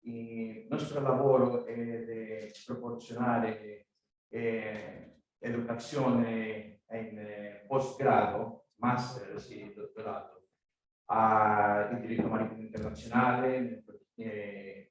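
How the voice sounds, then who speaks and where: A man's voice: fairly low pitch, level tone. Echoey, distant man with a Spanish accent. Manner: halting, searching for words in non-native Italian. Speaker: guest speaker, maritime law institute director. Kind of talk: conference address. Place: echoey conference room. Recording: very echoey room, distant microphone.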